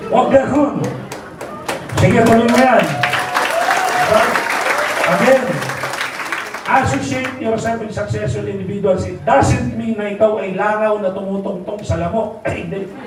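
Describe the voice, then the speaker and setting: A middle-aged man with a Filipino accent rallies a seminar crowd, keeps asking "right?" and mimics the voices he quotes. His voice sits high. It reaches the mic from a distance in a very echoey hall, with a little faint noise behind. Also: fairly even intonation, normal speed, long pauses. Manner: rhetorical, keeps asking the audience "di ba?" and "tama?". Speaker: company executive giving a motivational talk. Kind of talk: motivational seminar talk. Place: large hall, live seminar.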